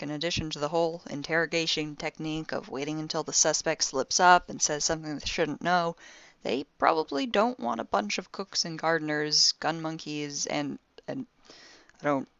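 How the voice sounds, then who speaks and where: A woman performs a young crewwoman's personal log in a sci-fi audio drama, her low voice wry and sardonic with some vocal fry. She voices her exasperation deadpan and conversationally, yet the mood comes across as eager and scheming. The recording is dull and close, with no room sound.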